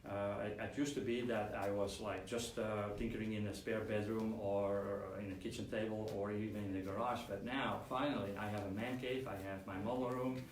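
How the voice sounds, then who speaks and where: A fairly low-pitched male voice with little pitch movement hosts a laid-back weekly live stream about model kits, talking at normal speed with hardly any pauses. He rambles, restarts often and uses many fillers, and the recording has echo, mic distance and a faint room hum.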